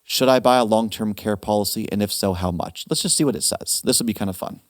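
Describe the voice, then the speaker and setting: Male webinar host, low voice, dry close sound, casual and animated. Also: no echo. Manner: animated, quick asides and restarts. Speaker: financial planner hosting a webinar. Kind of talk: casual advice talk.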